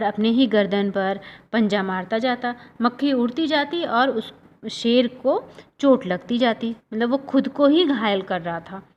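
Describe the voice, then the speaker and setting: A woman's voice: a little high, muffled recording. A woman teacher reading a story to young children, stopping often to explain words and repeating herself patiently. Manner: explains each hard word, repeats often, says "okay".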